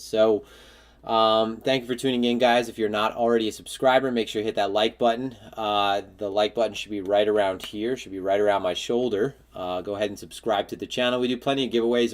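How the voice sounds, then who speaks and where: A laid-back man chats with his viewers as a livestream host. His voice sits a bit low, and his talk is loose and unscripted, full of ums and uhs. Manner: relaxed, laid-back, frequent filler words. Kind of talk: casual livestream chat.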